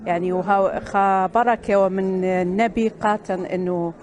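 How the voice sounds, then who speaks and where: A woman from Iraq with an Iraqi Arabic accent, giving a short testimony as an interviewee, brisk with filler pauses. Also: mid-range voice, steady tone, darkish tone. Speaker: interviewee, church partner.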